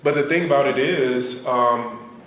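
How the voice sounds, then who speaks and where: A man's voice: medium pitch, a little slow. Stuffed-up man teaching a group. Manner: animated, thinks aloud with restarts. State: stuffed up nose. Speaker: pastor leading a class. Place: room with a group. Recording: echoey room, slight noise.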